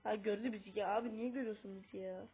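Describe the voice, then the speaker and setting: A woman's voice: medium pitch, fairly even intonation, very fast, phone-quality sound. A woman sounding a bit under the weather gives casual gameplay commentary and keeps calling out to her viewers as friends. Her voice comes through thin and boxy, as from a tablet's built-in mic, with a faint hiss underneath. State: sick. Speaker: gaming video host.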